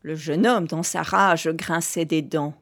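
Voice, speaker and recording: A woman giving measured, composed scripted narration of a literary drama. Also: low voice, steady tone, fairly bright tone.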